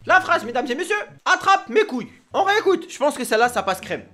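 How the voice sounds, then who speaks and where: Lively joking male youtuber. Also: extremely high pitch, fast. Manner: animated, crude joking, addresses viewers. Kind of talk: casual comedic reaction commentary. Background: music clips playing.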